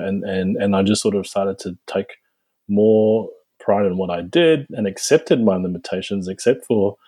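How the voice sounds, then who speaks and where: A man in his forties from New Zealand, a guest dentist answering interview questions in a reflective, halting way with frequent restarts. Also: fairly low pitch, dark tone, slightly rough.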